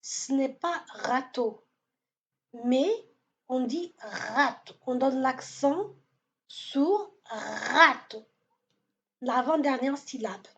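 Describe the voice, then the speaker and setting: Woman teaching, really slow, repeats words, high voice. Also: darkish tone, muffled recording. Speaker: Portuguese teacher. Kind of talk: language lesson.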